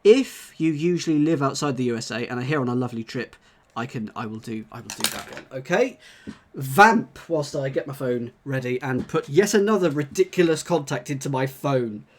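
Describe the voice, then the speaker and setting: A man's voice: medium pitch, animated. A man solving a puzzle on a livestream, reading clues aloud with frequent restarts and asides. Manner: reads aloud haltingly, with many restarts and asides. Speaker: puzzle solver. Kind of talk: casual chat while solving a puzzle on a stream.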